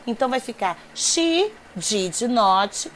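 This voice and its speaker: A woman's voice: fairly high pitch, lively intonation, slow, slight background noise. A woman teaching an English grammar lesson, explaining rules step by step and checking in with her students often. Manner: patient, repeats rules, checks in with "tá?" and "ok?".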